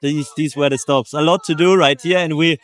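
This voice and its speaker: A man's voice: a little high, steady tone, fairly quick. A man from Germany, a tourist, answering street interview questions casually with some hesitation. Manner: casual, hesitant, listing places.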